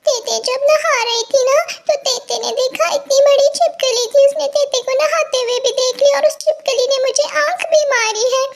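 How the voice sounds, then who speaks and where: Brief: woman voicing very high, shrill girlish young woman, childish and dramatic, whiny, fan fiction dub. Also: steady tone, moderate pace, hardly any pauses, heavy background noise. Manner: calls herself by her pet name, whiny and wailing.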